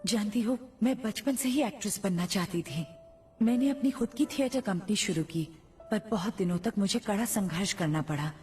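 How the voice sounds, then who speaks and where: A composed, self-assured actress, voiced by a woman in an animated film dub. She speaks at a mid pitch and tells her story in a steady, even manner. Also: moderate pace, soft background music, close to an everyday voice. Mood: reflective. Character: confident woman stage actress. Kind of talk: Hindi anime film dub.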